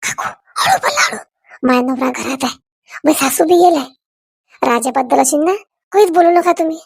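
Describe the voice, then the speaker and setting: A woman voicing an anxious young cartoon wife who pleads in a hushed voice. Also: high-pitched, a little fast, creaky, dry recording, studio quality.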